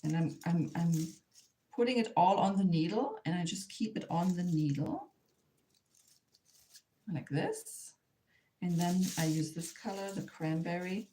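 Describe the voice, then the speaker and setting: With a warm, fairly low, expressive voice, a German-accented craft instructor and artist from Germany leads an informal hands-on demonstration in English, her second language. She halts now and then, repeating herself as she looks for words, and there's a little hiss or hum.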